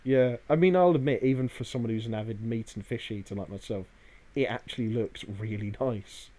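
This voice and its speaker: A man's voice: mid-range voice, a little fast, dark tone. A man chatting casually as a podcast co-host, in a hesitant, rambling way full of filler phrases. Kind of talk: casual chat about a day out.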